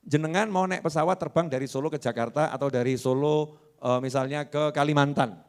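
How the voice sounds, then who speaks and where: Male preacher, slightly high voice, lively call-and-response sermon. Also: fairly quick. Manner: asks the audience questions and answers them himself.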